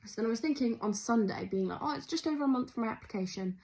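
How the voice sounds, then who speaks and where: A young woman from England chatting excitedly in a casual video diary, rambling with lots of fillers and restarts. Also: a little high, fast talker, slight background noise, poor audio. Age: young adult. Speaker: vlogger.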